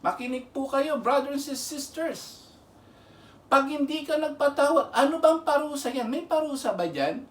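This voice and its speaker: A man's voice: very high-pitched, normal speed. A man preaching earnestly, urging his listeners again and again to listen closely as he teaches from the Bible. His voice sounds distant from the mic and echoes through a roomy space. He slips English phrases in between his Filipino. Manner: earnest, pleading, repeats "pakinggan nyo". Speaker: lay minister and preacher. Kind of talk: preaching a Bible lesson to camera.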